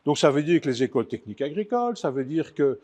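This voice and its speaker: A man's voice: fairly high pitch, very animated, quick pace, warm tone. A man, an author and film producer, speaking earnestly in a studio interview and building up emphasis as he explains his plans.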